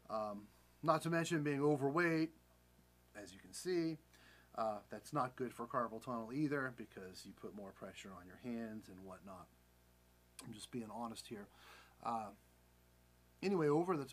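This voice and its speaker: A man's voice: medium pitch, fairly bright tone. American male vlogger, forties, mid-range voice, candid and rambling personal account. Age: 40s. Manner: rambling, candid, self-correcting. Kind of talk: casual personal storytelling.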